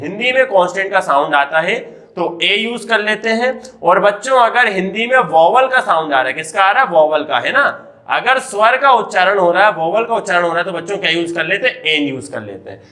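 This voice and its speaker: A man's voice: sits high, sharp tone. An Indian man teaching English grammar in a classroom, asking his students questions and answering them himself. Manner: repeatedly asks and answers his own questions, addressing children. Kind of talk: classroom lecture.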